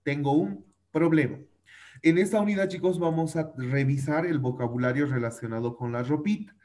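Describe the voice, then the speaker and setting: A man's voice: fairly high pitch, fairly quick, a little mellow. A male teacher giving an online class for children, patiently repeating vocabulary, drilling pronunciation and using fond diminutives. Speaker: English teacher.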